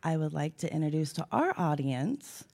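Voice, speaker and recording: Chatty woman host, lowish voice. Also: very animated, normal speed, vocal fry, a little mellow. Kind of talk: casual chat.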